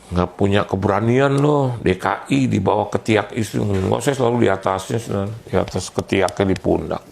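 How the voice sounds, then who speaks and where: A male pastor delivers a storytelling sermon. His voice sits low and carries heavy fry. He jokes along the way and acts out the voices of the people in the story. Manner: animated, acts out quoted voices, jokey.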